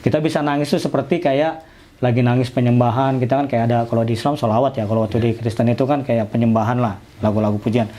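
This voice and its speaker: A man telling his own story in a casual interview, acting out conversations in lively slangy speech. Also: medium pitch, fast talker. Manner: animated, acts out dialogue in slangy speech. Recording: faint background noise.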